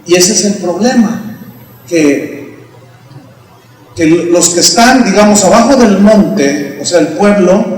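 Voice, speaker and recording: Mexican male preacher, high voice, theatrical sermon delivery, distant and echoey church-hall sound. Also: slow, long pauses. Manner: dramatic preaching, acting out scenes with sudden shouts. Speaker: pastor.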